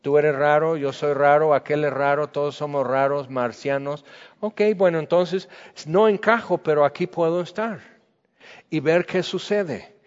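A man's voice: fairly high pitch, a little slow, smooth. A man preaching a sermon as a pastor, talking to the congregation and acting out little dialogues. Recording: dull sound with long hall reverb.

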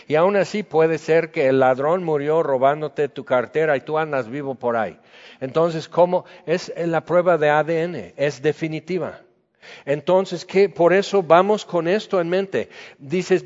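Pastor guy preaching, kinda high voice, chatty, acts out bits, muffled echoey hall. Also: a little mellow. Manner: conversational preaching, acts out little dialogues. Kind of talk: sermon. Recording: dull sound with long hall reverb.

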